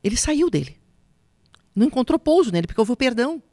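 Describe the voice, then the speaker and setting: A woman telling an emotional personal testimony, slipping into soft whispers and a preaching tone. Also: a little high, sing-song, quick pace, no echo, studio quality. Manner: emotional, drops to soft whispers when recounting quotes; preaching tone on spiritual points. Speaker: guest giving testimony.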